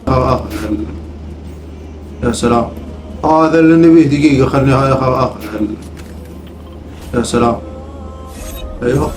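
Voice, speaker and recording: A man's voice: mid-range voice, steady tone, moderate pace, long pauses, roomy sound, music in the background, poor audio. A man with a Gulf Arabic accent giving casual commentary on his gameplay, often repeating short catchphrases. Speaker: gaming video host.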